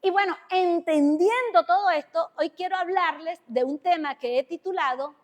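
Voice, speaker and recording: Preaching to her congregation in a church hall, a woman with a Venezuelan Spanish accent speaks conversationally and asks them questions. Her pitch is extremely high, her pace moderate, and the hall adds a long reverb.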